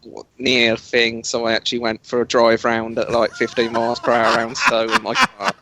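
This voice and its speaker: A man's voice: mid-range voice, normal speed, creaky, bright, forceful tone, a little hiss or hum. A man, co-hosting a casual podcast, rambling and searching for his words, swearing now and then. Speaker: podcast co-host. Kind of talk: casual banter.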